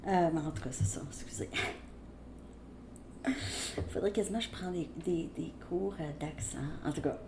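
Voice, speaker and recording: A woman with a Québécois French accent giving a tarot reading, talking slowly and hesitantly with many fillers and restarts. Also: fairly low pitch, background noise. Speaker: tarot reader.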